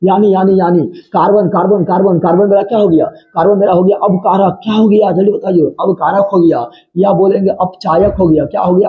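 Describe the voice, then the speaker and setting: A man teaching a chemistry exam-prep lesson, drilling terms through playful repeated questions and answers. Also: sits high. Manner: repetitive call-and-response drilling, playful. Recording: dull lo-fi recording.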